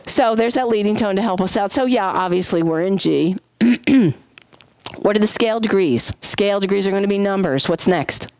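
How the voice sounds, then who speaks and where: A woman teaching a music class in a lively way, often questioning her students and singing examples. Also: medium pitch, normal speed, no room sound. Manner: lively, sings solfege and vocal sound effects to demonstrate; asks the class frequent questions. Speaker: music instructor. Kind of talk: classroom lecture.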